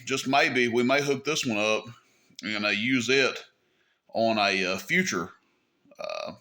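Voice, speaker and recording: The host of a CB radio hobby channel speaks at medium pitch with a slightly bright tone. He's laid-back and folksy, demonstrating equipment while thinking aloud.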